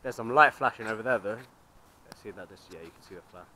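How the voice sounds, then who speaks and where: A man's voice: lowish voice, quick pace, bright, forceful tone, a little hiss or hum, low-quality recording. A young man chatting casually on a vlog outdoors, joking and swearing as he walks. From England. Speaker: vlogger. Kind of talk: casual chat. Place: outdoors on roads and a woodland station.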